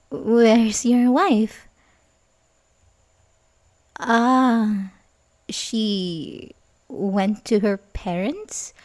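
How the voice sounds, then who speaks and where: Her voice a little high with a darkish tone, a young woman performs an ASMR roleplay as a sweet, coaxing babysitter with a secret obsessive streak. She sounds concerned and hesitant, speaking intimately and giggling softly.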